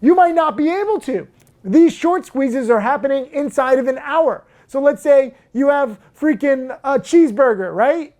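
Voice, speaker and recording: Speaking to camera in a very high-pitched voice, a man who teaches stock trading grows loud and worked up in his brash, emphatic chat. Crude jokes and plenty of "um" and "like" pepper his talk.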